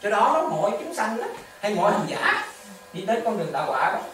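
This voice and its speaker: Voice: medium pitch, fairly quick, a little hiss or hum. Buddhist monk preaching in an echoey hall. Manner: repetitive, animated storytelling with rhetorical questions. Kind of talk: dharma talk. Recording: echoey hall, distant mic, faint ambience.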